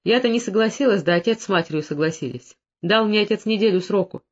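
A reader voicing a proud, sharp-tongued young village woman who answers curtly and mockingly, in an audiobook. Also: mid-range voice, fast, lightly acted. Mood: tense. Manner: curt, mocking. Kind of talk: audiobook dialogue reading. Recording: dull lo-fi recording.

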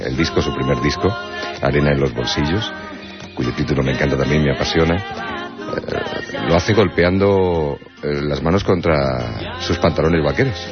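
A man, a guest poet, talking reflectively in a radio interview, often tagging his points with a questioning "no?". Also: extremely low pitch. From Spain. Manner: reflective, wordplay-loving, frequent rhetorical "¿no?". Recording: dull radio broadcast sound.

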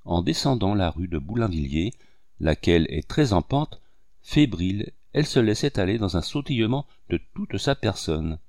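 A man narrating a novel aloud in an expressive, measured literary reading style. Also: deep voice, dry recording, studio quality. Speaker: audiobook narrator.

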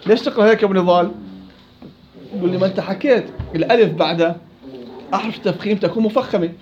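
A man teaching Quran recitation rules to students in a classroom. He corrects them, repeats syllables to demonstrate each sound, and recites verses slowly. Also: sits high, a little mellow. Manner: slow, drawn-out recitation of verses. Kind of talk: tajweed lesson with students. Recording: dull lo-fi recording.

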